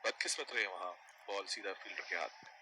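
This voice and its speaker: A man voicing a brisk, keen play-by-play cricket commentator in a scripted sports video game. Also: sits low, noisy background, close to an everyday voice.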